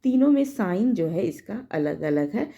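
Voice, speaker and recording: A woman teacher explaining a grammar lesson, slowly going through quiz questions and repeating her points. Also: medium pitch, very animated, vocal fry, mellow.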